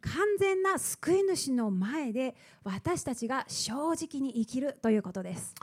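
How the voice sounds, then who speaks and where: A woman's voice: high voice, a little slow, breathy edge. A woman interpreting a sermon live, phrase by phrase, often opening with a short filler sound. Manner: steady, uses filler "eto" before phrases.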